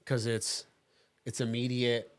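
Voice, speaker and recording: Easygoing man chatting, quick laughs. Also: mid-range voice, completely flat delivery. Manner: easygoing, laughs often, lots of fillers and restarts. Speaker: host. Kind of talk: casual chat.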